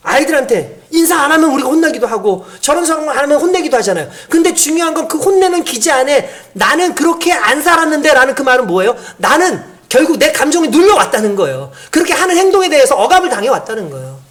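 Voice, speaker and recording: A male pastor preaching a sermon who often puts questions to the congregation. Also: extremely high pitch. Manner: animated, asks the congregation questions.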